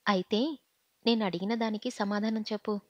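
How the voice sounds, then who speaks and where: A woman's voice: medium pitch, steady tone, moderate pace, dry recording, lightly acted. A woman voicing a stern but caring young husband who talks insistently and pleads at times. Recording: slightly muffled audio.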